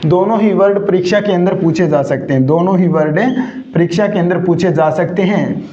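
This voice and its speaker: A male teacher giving a vocabulary lesson. He keeps asking his students questions, answers them himself, and draws out key words slowly. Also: high-pitched, mellow, roomy sound, lo-fi sound.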